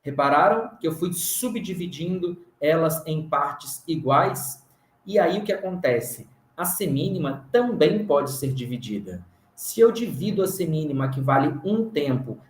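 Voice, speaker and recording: Slow, patient Brazilian male music teacher. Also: a little high. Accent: Brazilian Portuguese. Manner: counts beats aloud and chants rhythm syllables. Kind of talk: recorded music theory lesson. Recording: roomy recording.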